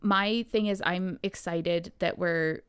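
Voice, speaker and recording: A woman from Canada co-hosting a podcast, telling stories in a casual, animated way and acting out what people said. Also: on the low side, takes it slowly, clean tone, no echo, studio quality. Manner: animated storyteller acting out quotes. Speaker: podcast co-host. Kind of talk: casual storytelling chat. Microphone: podcast microphone.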